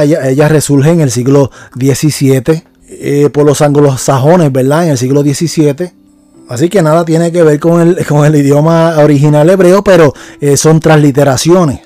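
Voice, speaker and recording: A man with a somewhat high, mellow voice teaches scripture on a podcast, unscripted and full of hesitations and restarts. He often stops to check that his listeners agree. The sound is dry and close. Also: no room sound. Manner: keeps asking for agreement.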